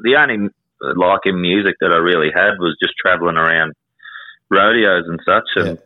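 A man's voice: low-pitched, normal speed, no echo. A man in his twenties with a rural Queensland Australian accent, chatting plainly and laconically as an interview guest. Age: 20s. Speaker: country singer and rodeo cowboy, interview guest. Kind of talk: casual interview chat. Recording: muffled, roughly phone-like line, dry.

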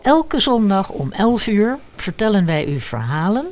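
Slow, very animated female announcer. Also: mid-range voice. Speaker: host, announcer. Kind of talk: scripted audio drama introduction.

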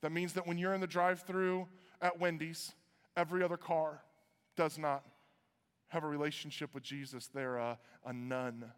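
High-pitched pastor preaching in a reverberant hall. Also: male voice, moderate pace, clear, resonant tone. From Iowa, USA. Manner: conversational, joking asides, lively swings in pitch. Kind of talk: sermon. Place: church auditorium.

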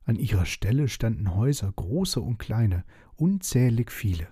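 Guy reading a kids story out loud, expressive, low husky voice, super dry. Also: normal speed, no room sound. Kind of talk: storybook narration.

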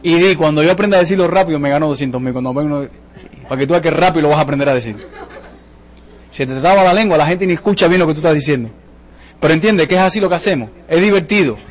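Man, high voice, rapid talk, motivational sales seminar, jokey, asks audience questions. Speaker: business presenter at a sales seminar.

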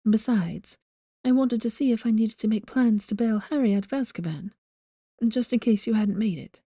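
A woman voicing a stubborn, worried young witch who speaks quietly. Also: fairly high pitch, normal speed, slightly rough, no room sound, clean studio sound, pitched above the performer's own voice. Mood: stubborn worry. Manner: quiet, soft-spoken.

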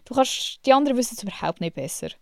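A woman's voice: on the high side, sing-song, very fast, dry recording. Young woman with a Swiss German accent, podcast host giving advice, blunt and slangy, very dry close sound. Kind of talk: casual advice chat.

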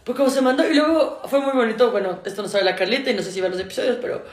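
A young woman, co-hosting a podcast in casual chat and telling stories quickly, often laughing. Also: fairly high pitch. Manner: fast, laughing, animated storytelling. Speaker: podcast co-host and stand-up comedian. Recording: roomy echo.

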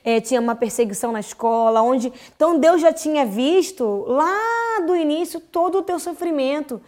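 A woman hosting a faith-based podcast chat, effusive and quick with interjections of praise. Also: sits high, mellow. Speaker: podcast host.

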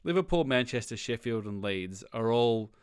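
A man's voice: mid-range voice, lively intonation, moderate pace, clear, resonant tone, no echo, studio quality. A man co-hosting a podcast, rambling casually with restarts and chuckles. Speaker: podcast co-host. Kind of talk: casual comedic chat.

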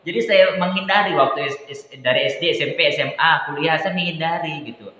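A man speaking as an interview guest, hesitant with many pauses and restarts, growing lively as he recounts events. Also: a little high. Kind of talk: candid personal conversation. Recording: echoey room, dull sound.

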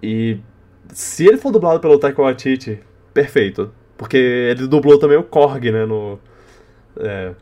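A young man with a Brazilian Portuguese accent hosting a casual podcast, speaking in a halting, rambling way and often repeating words. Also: medium pitch, expressive, warm tone, dull audio. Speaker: podcast host. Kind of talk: casual unscripted podcast chat.

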